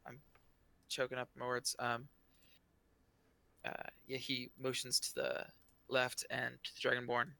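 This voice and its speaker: A man narrating as game master of a tabletop game, in a halting, hesitant way. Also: medium pitch, completely flat delivery, creaky, bright, forceful tone, dry recording.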